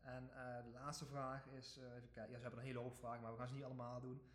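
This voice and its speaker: A man's voice: mid-range voice, little pitch movement, quick pace. A Dutch man co-hosting a podcast in casual chat, hesitant with many fillers and restarts. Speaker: podcast co-host. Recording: echoey room.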